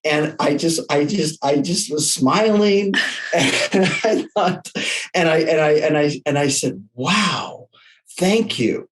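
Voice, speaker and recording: A middle-aged man, a leadership coach, telling stories in an interview, expressive, with frequent restarts and repeated words. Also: a little high, slow pace. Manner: expressive, many restarts and repetitions. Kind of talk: conversational interview storytelling.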